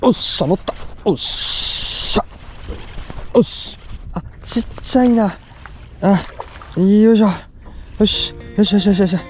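A young man with a Kansai accent chatting excitedly while fishing outdoors on a lake, with quick exclamations. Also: high voice, slight background noise. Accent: Kansai Japanese. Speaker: fishing vlogger. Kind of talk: casual commentary while fishing.

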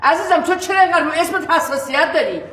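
A woman's voice: extremely high pitch, lively intonation. An actress playing a pushy, overfamiliar woman next door in a sitcom, insistent and chatty. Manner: insistent, overfamiliar, keeps calling her by the wrong name. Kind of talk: sitcom acting. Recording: roomy echo.

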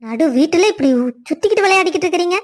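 A nagging cartoon mother-in-law, voiced by a woman, grumbling and scolding in a high voice. She complains that the young couple are too noisy. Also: expressive, rapid-fire. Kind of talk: cartoon story voice acting.

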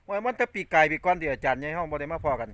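A man hosting a casual visit, talking with an Isan accent in a lively, laughing way. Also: fairly high pitch, racing, dry recording. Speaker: host. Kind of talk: casual chat. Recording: music clearly behind.

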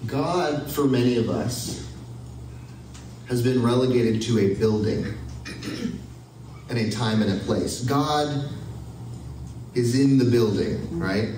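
A man's voice: mid-range voice, slow pace, pauses often, darkish tone, reverberant, distant mic, a little hiss or hum, poor audio. A man giving a conversational sermon with wry humor, asking his audience for ideas. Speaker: pastor. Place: church hall with audience.

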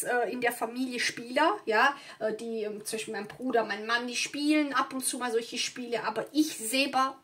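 A tarot reader whose German is non-native talks casually and meanders through her reading, full of fillers and asides. She sits at an indoor table with candles and flowers, and her voice runs on the high side with a fairly bright tone.

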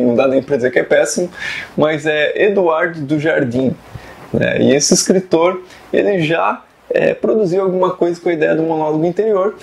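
A man's voice: a little high, gravelly, a little mellow. A man, a writing teacher and video host, talking casually to camera about fiction writing with many digressions and asides. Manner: chatty and digressive, with many asides and tag questions.

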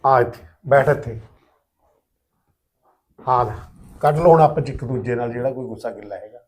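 An actor plays a household head in a family drama, placating and mediating. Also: male voice, mid-range voice, normal speed, a little mellow, lightly acted. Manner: placating, talks in a persuasive, mediating way. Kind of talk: Punjabi family drama acting.

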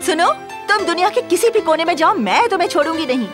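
A woman's voice: very high-pitched, lively intonation, fast. An actress voicing a bold, pushy young woman in love, in bossy, teasing dubbed film dialogue. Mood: scolding. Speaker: film character. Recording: dubbed film audio with music. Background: film music.

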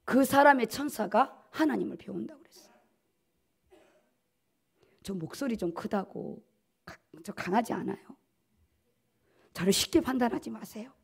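Her voice is a little high, gravelly and husky, and she moves at a moderate pace with frequent pauses. This middle-aged woman pastor is preaching a dawn-service sermon at a pulpit in a church auditorium, emphatic and stressing key words through repetition, into podium gooseneck microphones.

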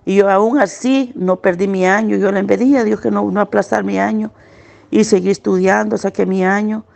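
Creaky-voiced woman giving pained testimony. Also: medium pitch, steady tone, darkish tone. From El Salvador. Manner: earnest, pained recounting, slowing at hard moments. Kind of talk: personal testimony.

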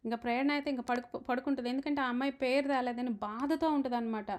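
A woman's voice: sits high, fairly even intonation, fast talker. A woman from India, living in the UK, giving a casual chatty recap of a reality show and acting out the quotes she retells. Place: home in the UK.

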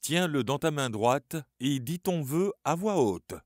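A man's voice: on the high side, lively intonation, unhurried, no echo, studio quality, pitched above the performer's own voice. A man doing a solemn warning elder. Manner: solemn, serious.

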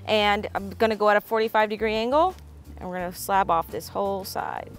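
With soft music underneath, the young host of a fishing and cooking vlog guides viewers through filleting fish and assembling sushi, full of enthusiasm. Her medium-pitched voice is steady in tone and a little fast.

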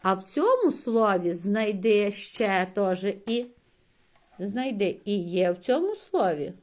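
Woman teacher, slow and mid-pitched, coaxing one-on-one reading tutor. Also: big pitch swings, darkish tone. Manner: patient, coaxing, frequent praise, drawn-out sounds. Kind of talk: one-on-one reading lesson with a child.

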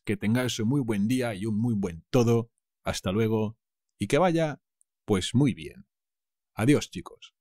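A man's voice: fairly low pitch, a little mellow, no room sound, clean studio sound. A man from Spain with a Castilian accent, teaching vocabulary in a playful way and repeating each word twice. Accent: Castilian Spanish. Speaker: language teacher. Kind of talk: vocabulary lesson, repeating words slowly.

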